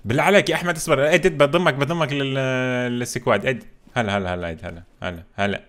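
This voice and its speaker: A man hosting a gameplay video, commenting in an animated, jokey way and exclaiming often. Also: medium pitch, fast talker. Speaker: gaming video host.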